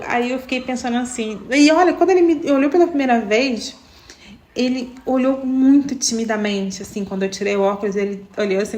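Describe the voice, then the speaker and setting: Animated Brazilian woman telling a story. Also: fairly high pitch. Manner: animated, emotional, addresses viewers as "gente". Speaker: vlogger telling her love story. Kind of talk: casual storytelling to viewers.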